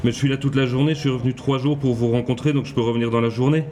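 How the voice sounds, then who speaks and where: A man's voice: medium pitch, fairly even intonation, very fast, a crowd in the background. A man, a reporter politely and insistently asking to speak with someone at her door. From Belgium. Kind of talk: documentary field reporting.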